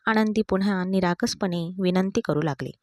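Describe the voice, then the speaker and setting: A woman narrating a storybook tale in an even, steady reading. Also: medium pitch, moderate pace, no room sound, clean studio sound.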